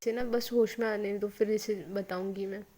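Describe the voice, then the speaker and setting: A woman's voice: mid-range voice, fairly even intonation, moderate pace, mellow, close to an everyday voice. A woman voicing a bossy, short-tempered young woman who scolds and complains, in a narrated love story. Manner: scolding and exasperated.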